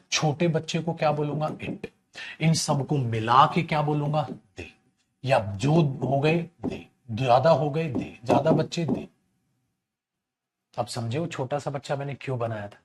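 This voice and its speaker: A man teaching an online grammar class, calling his students "my child" and repeating his key points. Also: fairly high pitch.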